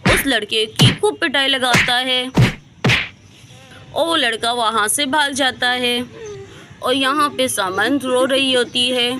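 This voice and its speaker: A woman's voice: sits high, slow, background noise. A woman narrating a simple doll story in plain, easy words.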